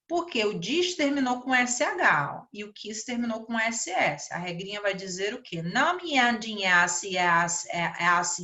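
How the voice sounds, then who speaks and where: A Brazilian woman with a bright, forward voice teaches an online English grammar lesson at a slow, patient pace. She talks with a Brazilian Portuguese accent, repeats each example word and keeps checking in with "né?". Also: mid-range voice. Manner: explains slowly, repeats words and asks "né?".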